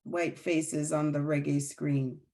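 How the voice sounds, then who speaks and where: A woman's voice: deep voice, flat delivery, slow pace, gravelly, dark tone. A woman co-hosting a casual rant, drunk and rambling, stalling and restarting as she talks. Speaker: podcast co-host.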